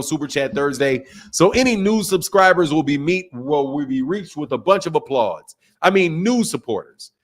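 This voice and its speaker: The host of a boxing talk livestream, a man from the United States, has a fairly high, fairly bright voice. He casually reads and answers viewer messages, getting emphatic and slangy and repeating phrases to drive points home.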